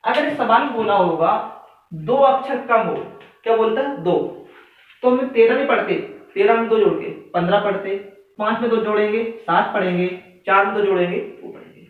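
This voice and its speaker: A man's voice: high-pitched, moderate pace. A male maths teacher explaining a reasoning lesson, counting aloud step by step and asking his students questions. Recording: echoey room, far mic, phone-like sound.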